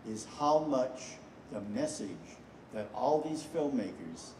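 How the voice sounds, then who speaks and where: An older man, a filmmaker, introducing a screening to an audience with rambling anecdotes and frequent pauses. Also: medium pitch, animated, a little mellow, a little hiss or hum. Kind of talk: storytelling speech to an audience. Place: festival screening hall. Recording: echoey hall, from far off.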